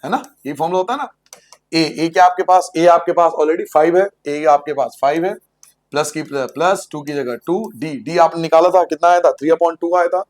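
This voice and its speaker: A man's voice: a little high, normal speed. A man teaching a school maths lesson to students, asking questions and answering them himself, repeating each step in a sing-song way and joking with the class. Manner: playful, jokes with the class.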